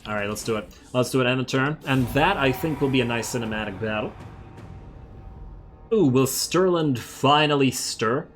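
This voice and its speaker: A man's voice: medium pitch, quick pace, hardly any pauses, fairly bright tone, faint music behind. A man giving casual, think-aloud commentary while playing a strategy game, self-amused and slightly losing his voice. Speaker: strategy game let's-play host.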